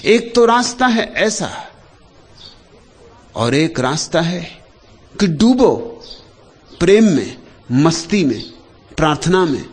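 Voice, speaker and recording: A man giving a spiritual discourse in short, deliberate phrases, pausing often and letting his voice sink low and soft at the end of each thought. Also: big pitch swings, husky. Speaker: spiritual speaker.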